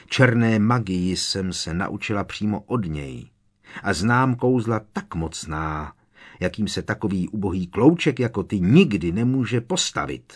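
A man voicing a fanatical, shrill dark witch who taunts and threatens.

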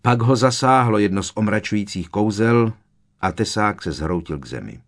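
Guy with a lowish voice reading an audiobook, steady and expressive. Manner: measured, expressive storytelling. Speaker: audiobook narrator. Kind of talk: scripted audiobook narration.

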